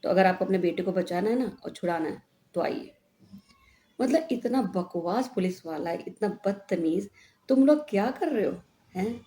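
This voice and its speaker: A middle-aged woman vlogger from India, telling a story in a chatty, animated way and often asking "हैं?". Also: medium pitch, normal speed. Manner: chatty, animated retelling with frequent "हैं?" tags. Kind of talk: casual vlog storytelling. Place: home room. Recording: echoey room with faint background noise.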